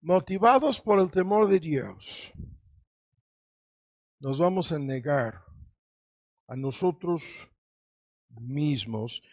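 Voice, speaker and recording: A male pastor preaching a sermon, often tagging phrases with a rhetorical question and swinging between emphatic high lines and soft low ones. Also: animated, drawn-out words, long pauses, no echo, clean studio sound.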